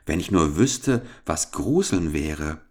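A man's voice: a bass voice, expressive, takes it slowly, exaggerated voice. A man voicing a fearless, cheeky young lad in a read-aloud fairy tale, sounding carefree and cocky. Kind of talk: storybook reading.

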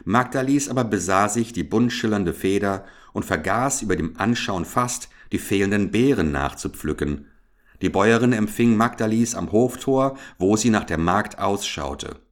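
A man narrates an old children's fairy tale with a calm, measured storytelling delivery. His voice sits fairly low, and the text is read in a steady, scripted way.

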